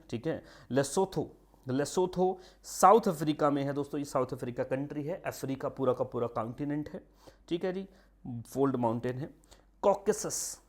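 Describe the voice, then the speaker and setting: A man teaching a geography lesson for exam prep, repeating key names slowly and slipping in English phrases. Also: medium pitch, darkish tone. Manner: repeats key terms, mixes English phrases, frequent "ठीक है"; drawn-out slow emphasis on names, quick asides. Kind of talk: online geography lecture.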